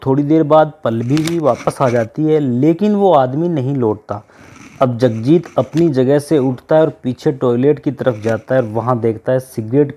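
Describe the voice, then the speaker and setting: A man's voice: medium pitch, dark tone. A man narrating a story as a storyteller, addressing listeners directly and voicing the dialogue himself.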